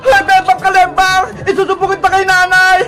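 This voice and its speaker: A voice actor playing a bossy little girl in a cartoon, whining and shouting, with loud music behind. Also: very high voice, monotone, fairly quick. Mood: tattling.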